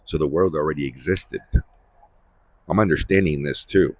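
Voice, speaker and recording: His voice pitched extremely low, a man hosts a Bible-reading series and gives informal commentary. He comes across as halting and repetitive, often checking for agreement.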